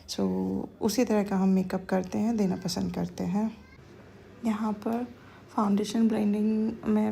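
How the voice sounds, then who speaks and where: A woman's voice: medium pitch, gravelly, mellow. A woman makeup artist explaining a bridal makeup look step by step, switching between Hindi and phrases. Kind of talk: voice-over makeup tutorial.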